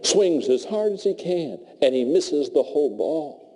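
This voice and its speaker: A man's voice: on the high side, expressive, a little slow, warm tone, slightly rough. A man giving a humorous motivational talk to a live audience, telling golf stories and laughing at his own jokes. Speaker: motivational speaker. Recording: long hall reverb.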